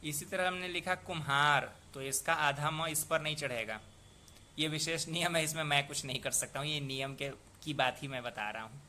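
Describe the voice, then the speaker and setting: Male tutor, young adult, bright cutting tone, patient and methodical, sounds words out slowly. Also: a little high, a little hiss or hum. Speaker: poetry meter teacher. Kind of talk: explanatory lesson.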